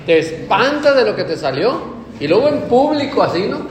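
A man preaching a sermon, animated, acting out little examples in other voices. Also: high voice, normal speed, noisy background. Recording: echoey hall with faint ambience.

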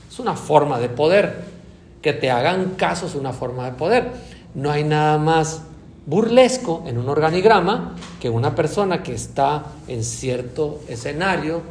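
Dramatic preacher in an echoey room. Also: male voice, fairly high pitch. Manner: dramatic, swings from soft asides to loud emphatic peaks. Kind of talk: sermon. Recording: echoey room with faint ambient noise.

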